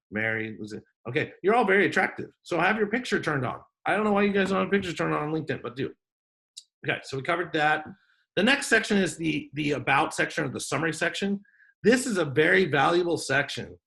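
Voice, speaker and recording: A man's voice: fairly high pitch, creaky, fairly bright tone. A man hosting an online business workshop over a video call, talking in a joking, off-the-cuff way. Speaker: workshop host.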